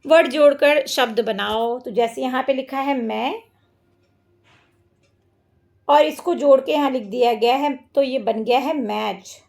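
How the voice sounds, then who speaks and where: Slow-talking woman teacher with a gravelly voice. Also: sits high, darkish tone. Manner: slow, explains step by step. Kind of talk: workbook lesson walkthrough.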